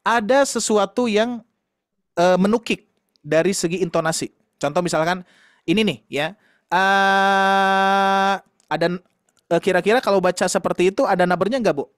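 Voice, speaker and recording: Male recitation teacher, patient, high voice, dry close mic. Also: fairly quick, pauses often, no room sound. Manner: patient, explains with demonstrations and gentle laughs. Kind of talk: online tajwid class.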